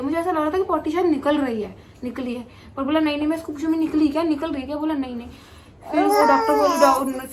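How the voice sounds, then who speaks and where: A woman's voice: high voice, heavy background noise. A young woman telling a story in casual chat, acting out her own cries and other people's lines. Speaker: vlogger.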